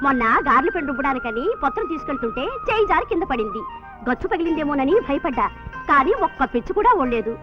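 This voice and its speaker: A chatty, self-righteous middle-aged mother-in-law, high-voiced and quick. The old film sound is dull, with music behind her. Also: expressive. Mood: gossipy.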